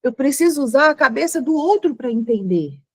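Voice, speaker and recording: Brazilian lady in her middle years, motivational talk, kinda high voice, dry close mic. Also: animated, brisk, no room sound. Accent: Brazilian Portuguese. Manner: earnest, acts out little scenes with quoted voices. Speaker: mentor speaking to a women's community.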